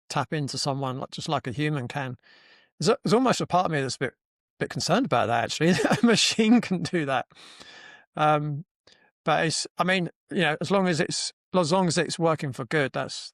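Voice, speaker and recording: Man, podcast host, fairly high voice, dry close sound, storytelling, acts out quotes. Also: no room sound. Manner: animated, acts out quoted dialogue, frequent restarts. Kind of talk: casual conversational storytelling.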